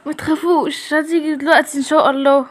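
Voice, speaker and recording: A girl with an Egyptian accent voicing a calm, protective mother in a soothing, gently commanding tone. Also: high-pitched, fast, voice pushed down, close to an everyday voice. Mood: reassuring.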